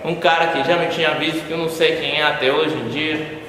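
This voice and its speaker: A Brazilian man preaching in the voice of a storyteller, sounding somewhat high for a man. His theatrical delivery swings from hushed lines to loud pleading cries. He is heard from a distance in a big church hall with long, heavy echo and a faint room hum behind him. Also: fairly even intonation, a little fast. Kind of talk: sermon told as a first-person dramatic monologue. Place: church sanctuary.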